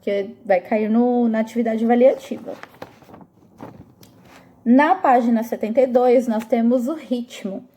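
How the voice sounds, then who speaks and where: A woman teacher with a high-pitched but mellow voice gives a recorded review lesson. She explains step by step and often pauses to check that her students are keeping up. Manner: explains slowly and patiently, checking in with frequent "tá?".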